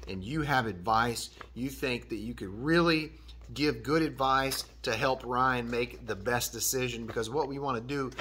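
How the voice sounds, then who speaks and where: Filmed up close in a decorated workshop room, a man in his thirties who runs an HVAC channel answers a viewer email. He's earnest and encouraging, going back over his key points. His mid-range voice moves at a normal speed, pushed and bright, with slight background noise.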